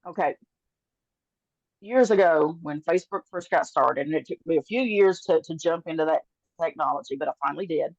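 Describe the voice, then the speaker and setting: Podcast co-host, woman, fairly low voice, anecdote-driven, dull recording. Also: fairly quick, dry recording. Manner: warm storyteller, acts out voices in anecdotes. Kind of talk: casual faith chat, storytelling. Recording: dull, slightly muffled sound.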